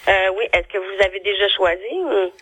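A woman's voice: mid-range voice, brisk, a bit bright, slightly rough, no echo, poor audio. A middle-aged woman, a singer chatting casually in a radio interview and laughing easily. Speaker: singer guest.

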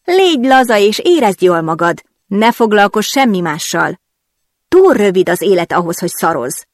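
A woman doing a giddy loudmouth girlfriend, higher and pushier than the reader, dry close sound. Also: big pitch swings, no echo, close to an everyday voice. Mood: bossy teasing. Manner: blunt, giddy and teasing. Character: brash, carefree young woman friend, gossipy.

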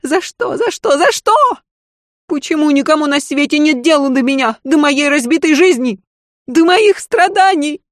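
Brief: high shrill hysterical noblewoman, bitter and volatile, put on by a woman reader, dry close audiobook read. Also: animated, normal speed, no room sound. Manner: shrill, screaming, sobbing outbursts.

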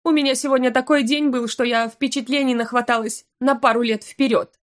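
A woman's voice: high voice, steady tone, a little fast, voice pushed up, close to an everyday voice. Audiobook: tearful, huffy young woman student, a woman reader puts her on. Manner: sobbing, indignant outbursts. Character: tearful young female magic-academy student.

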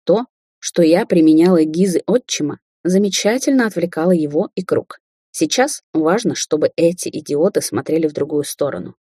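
A woman's voice: low-pitched, normal speed, dark tone, husky, no echo, studio quality. A woman reading an audiobook, voicing a young sorceress who speaks to her mother sarcastically and tauntingly. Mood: cold. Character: young adult woman sorceress, mocking daughter.

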